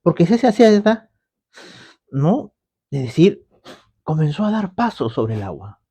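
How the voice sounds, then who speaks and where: A man explains scripture on a radio show in a conversational style, moving step by step and often tagging on "¿no?" to check in with listeners. His voice is on the high side, mellow and slightly rough, with big pitch swings and a somewhat slow delivery.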